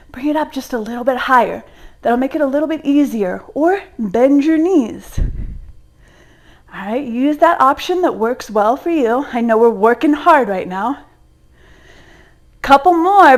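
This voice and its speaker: A young woman leading a home workout, giving encouraging cues while exercising along, getting out of breath at times. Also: sits high. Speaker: fitness instructor.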